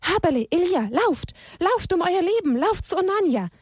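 Woman doing a donkey mother, protective, frantic, high and loud. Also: very animated, normal speed, dry recording, studio quality. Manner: frantic, shouting warnings.

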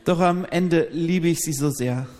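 A man interpreting a live talk phrase by phrase, quick and with hesitant fillers. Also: a little high, a little mellow. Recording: long hall reverb.

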